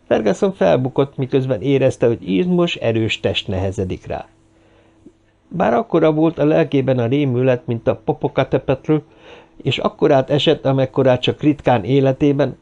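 A man narrates an adventure audiobook at an even, measured pace. His voice is gravelly and warm-dark, with plenty of fry. The recording has a slightly dull, lo-fi sound. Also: mid-range voice. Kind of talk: scripted narration.

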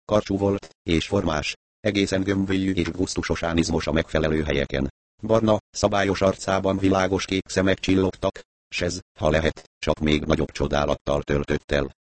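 A very deep-voiced man reads a first-person crime story with dry, wry understatement. The recording is close and dry, with no room sound. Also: fairly even intonation, dry recording. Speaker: audiobook narrator. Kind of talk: first-person novel narration.

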